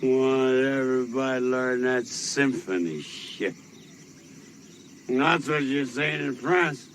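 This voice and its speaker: An actor playing a drunk, bitter army sergeant who slurs and taunts, then breaks into anguish. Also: male voice, mid-range voice, slow, a bit bright, slight background noise. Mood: taunting. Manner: slurred, taunting, swinging into anguish. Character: drunk, bitter, self-loathing army sergeant, adult man.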